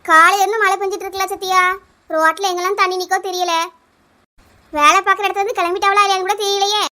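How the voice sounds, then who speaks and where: A woman's voice: extremely high pitch, flat delivery, pushed and bright. A woman voicing a strict, scolding mother in a cartoon, speaking with a Kanyakumari Tamil accent. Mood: worried. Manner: scolding, rapid. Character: scolding village mother Chinnaponnu, anxious and strict. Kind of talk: cartoon voice acting.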